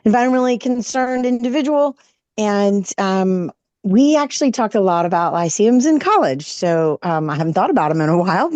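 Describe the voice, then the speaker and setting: A woman's voice: lowish voice, a little mellow, no room sound. A woman in her forties introducing herself in a group discussion, chatty and upbeat. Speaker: meeting participant.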